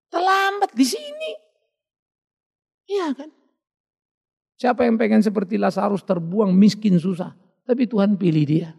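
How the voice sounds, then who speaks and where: Male pastor, sermon, gravelly, lively pitch, theatrical delivery. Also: a little slow, long pauses, long reverb tail. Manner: dramatic, acts out quoted voices; drops in English words.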